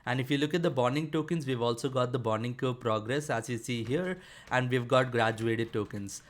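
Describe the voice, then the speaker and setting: A man presenting a screen-share programming tutorial, explaining casually with frequent fillers like "uh" and "basically". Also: mid-range voice.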